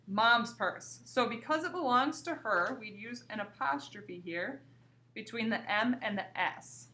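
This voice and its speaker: A woman teacher giving a recorded grammar lesson to young pupils, explaining slowly and reading example sentences aloud. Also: a little high, animated, bright, forceful tone. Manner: slow, clear explaining with examples read aloud. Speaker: grade school teacher.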